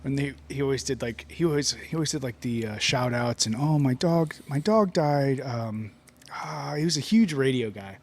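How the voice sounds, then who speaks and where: A man's voice: mid-range voice, normal speed, a little hiss or hum. A man from Northeastern Ohio hosting a casual podcast chat, rambling with many fillers and laughing often. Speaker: podcast host.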